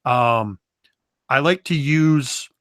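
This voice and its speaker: A man guesting on an interview, telling game-table stories in a lively, animated way. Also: medium pitch, very slow, no room sound, studio quality. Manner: lively storyteller, does voices and moves around. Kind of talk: casual interview talk.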